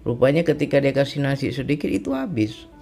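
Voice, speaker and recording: A married man giving a reflective religious testimony, speaking slowly and often repeating phrases and asking "right?" as he tells of his illness and recovery. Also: mid-range voice, animated, creaky, mellow, faint music behind. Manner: reflective, repetitive, often ends with "ya kan". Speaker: speaker sharing a personal testimony.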